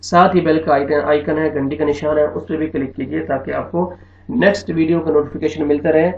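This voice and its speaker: A man with an Urdu accent teaches Quran reading, his voice slightly high and gravelly as he explains patiently and repeats each word slowly. The sound is dull and lo-fi, with echo from the room. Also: fairly even intonation. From Pakistan. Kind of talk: online recitation lesson.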